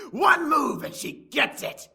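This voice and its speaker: An actor voicing a cocky, menacing male game villain in a loud, raspy, taunting monologue with cackles. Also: very high voice, heavily acted. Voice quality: raspy, gravelly. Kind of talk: video game voice acting.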